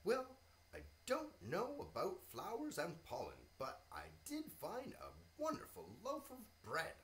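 A woman's voice: mid-range voice, huge pitch swings, measured pace, a little hiss or hum, pitched above the performer's own voice. A woman voicing a cheerful ant who relishes its stale bread, in a children's story. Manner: contented, relishing.

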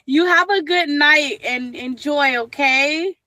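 A woman's voice: sits high, sharp tone, dry recording. A woman hosting a casual livestream chat, laughing often and calling viewers "my love". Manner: laughs often, affectionate, calls people "my love". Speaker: livestream host.

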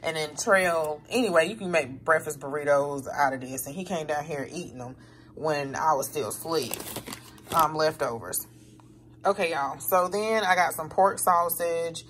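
A woman's voice: sits low, normal speed, a bit bright. A middle-aged woman, rambling chattily to viewers about her grocery haul in her kitchen. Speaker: vlogger showing a grocery haul. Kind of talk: casual chat to viewers. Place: home kitchen, indoors.

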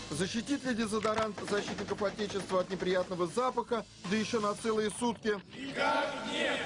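A man in his thirties presenting a television programme with punchy rhetorical questions and scripted narration. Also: sits high. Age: 30s. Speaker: TV host and reporter. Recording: loud music behind voice.

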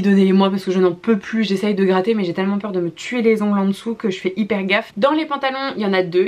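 A young woman, a mother, chatting casually in a haul vlog, gushing about baby clothes and often repeating words and filling pauses with "euh". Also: mid-range voice, a little mellow.

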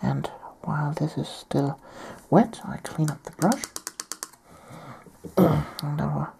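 A woman from Germany, talking softly through a painting tutorial while she has a cold and keeps clearing her throat. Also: sits low, takes it slowly, slight background noise. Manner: soft-spoken, often near a whisper. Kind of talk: step-by-step tutorial narration.

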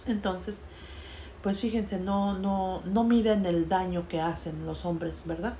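A Mexican woman telling a personal story in a casual, conversational way, with frequent fillers and a voice that trails off softly. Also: mid-range voice, steady tone, slow pace, a little hiss or hum. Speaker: storyteller sharing a personal experience.

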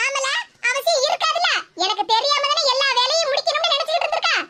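A woman's voice: extremely high pitch, quick pace, heavy background noise. A woman doing a fiery scolding old mother. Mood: angry scolding. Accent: Tirunelveli Tamil. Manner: scolding, accusing, sarcastic.

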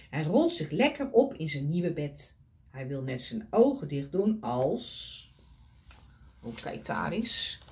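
A woman reading a picture book aloud to children, pointing at the pictures and asking them questions. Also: medium pitch.

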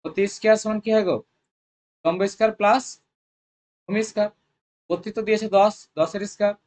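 Coaching-centre math tutor, mid pitch, rapid, drills students with constant questions. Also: steady tone, darkish tone. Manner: coaxing, repetitive. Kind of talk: exam-prep math lesson.

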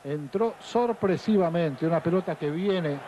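A man's voice: on the high side, measured pace, noisy background. A man describing football replays on an old television broadcast. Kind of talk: replay commentary.

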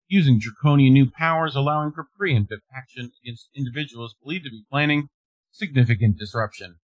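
A man's voice: mid-range voice, dry recording, poor audio. A male co-host reading news articles aloud and breaking off with laughs and wry comments.

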